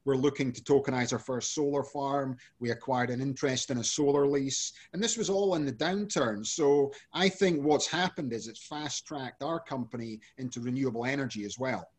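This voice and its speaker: A Scottish energy company CEO, a guest on a podcast, answers interview questions casually and chattily, using lots of fillers. His mid-range, slightly rough voice moves at normal speed with few pauses.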